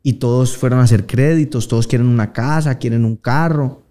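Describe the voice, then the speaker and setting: A man in his thirties with a Colombian Paisa accent, chatting casually in an interview, slangy and relaxed, acting out the voices of people he quotes. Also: mid-range voice, a little fast. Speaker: interviewed singer.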